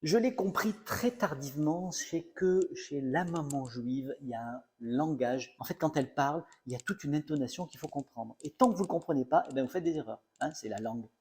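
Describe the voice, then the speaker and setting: Male comedian, middle-aged, comic monologue, mock-serious self-mockery, mellow dark tone. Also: fairly high pitch, fairly quick, few pauses, husky. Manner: mock-serious, self-mocking storytelling with playful exaggeration.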